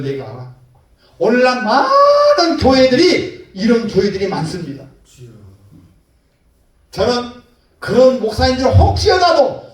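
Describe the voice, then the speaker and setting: A male pastor preaching a sermon in an emphatic way, putting rhetorical questions to the congregation. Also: very high voice. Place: church sanctuary. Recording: echoey hall, mic far off.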